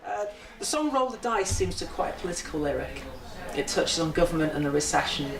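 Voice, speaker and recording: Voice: medium pitch, very animated, fast. Interviewer, prepared questions, echoey room, crowd chatter behind.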